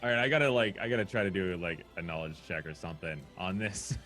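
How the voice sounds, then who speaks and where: A man playing at a tabletop role-playing session, making offhand, joking remarks. His voice is deep yet bright and sharp, and his pitch swings widely. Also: lively intonation, fast, soft background music. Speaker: player. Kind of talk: casual tabletop play.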